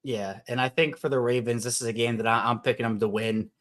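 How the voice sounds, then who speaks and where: A man's voice: medium pitch, steady tone, quick pace, a bit bright. A man hosting a sports podcast, chatting casually about football and thinking aloud with frequent restarts. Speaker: podcast host. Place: Baltimore.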